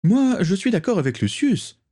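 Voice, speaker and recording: A man voicing an eager, excitable young aristocratic wizard who speaks earnestly. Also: high voice, moderate pace, pitched above the performer's own voice. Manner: animated, earnest.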